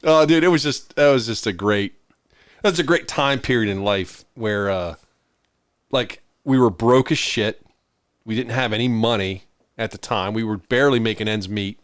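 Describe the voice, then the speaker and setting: A middle-aged podcast co-host chats casually and reminisces, telling informal stories and acting out snippets of dialogue. His voice is low-ish, smooth, and at normal speed, recorded in studio quality with no echo.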